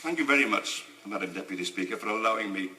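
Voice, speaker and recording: A man giving an indignant, emphatic parliamentary speech in a debating chamber, with halting restarts. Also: fairly low pitch, lively intonation, bright, forceful tone, a little hiss or hum. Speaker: member of parliament. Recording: echoey chamber.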